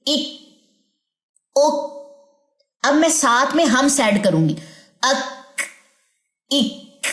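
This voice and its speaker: A woman teaching a recitation lesson, drilling sounds slowly syllable by syllable and often checking in with her students. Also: fairly high pitch. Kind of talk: tajweed lesson. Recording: echoey room.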